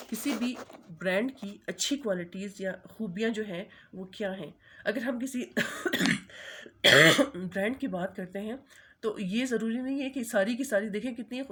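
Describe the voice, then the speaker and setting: A woman lecturer with a husky, breathy voice at an ordinary pitch. She reads English definitions out slowly and then explains each point in a plain classroom manner. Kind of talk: recorded marketing lecture.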